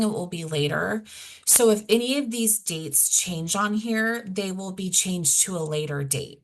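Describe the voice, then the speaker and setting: A woman presenting a grant webinar over a video call, explaining deadlines and budgets plainly, losing her voice and clearing her throat. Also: lowish voice, a little hiss or hum. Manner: plain, explanatory, self-correcting. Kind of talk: technical assistance webinar.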